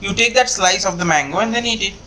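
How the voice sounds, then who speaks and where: A man's voice: sits high, drawn-out words, pushed and bright, slight background noise. An Indian man filming a family birthday at home, coaxing and teasing a toddler in a playful, repetitive way. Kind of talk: casual family home video.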